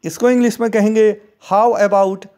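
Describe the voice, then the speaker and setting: A man gives an English lesson in a high voice. He speaks at a slow, measured pace and says every sentence twice. His delivery is deliberate and steady, like a patient classroom teacher. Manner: slow, deliberate, repeats each phrase.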